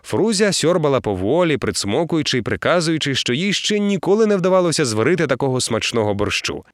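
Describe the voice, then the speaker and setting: A man narrating an audiobook in an expressive storytelling way. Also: on the high side, fast, no echo, studio quality. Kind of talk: scripted narration.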